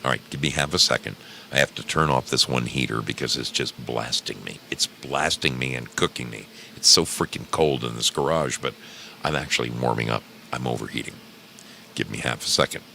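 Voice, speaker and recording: Very deep, gravelly male livestream host. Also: brisk, pushed and bright, a little hiss or hum. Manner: folksy showman, repeats phrases for effect. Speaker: host of an old time radio programme livestream. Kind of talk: casual livestream chat, greeting viewers. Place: garage with a heater running.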